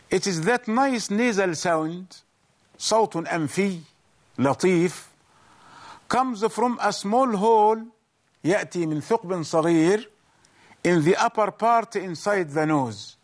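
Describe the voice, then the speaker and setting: A man teaching a Quran recitation lesson, explaining each rule slowly and repeating it in English and Arabic. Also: high voice. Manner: slow, explains each point twice, once in English and once in Arabic. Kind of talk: bilingual tajweed lesson.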